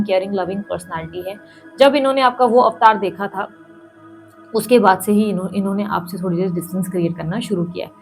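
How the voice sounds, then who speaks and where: A woman tarot reader who speaks straight to the viewer, repeats her points for emphasis and calls on the universe between cards. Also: medium pitch. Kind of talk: tarot reading to camera.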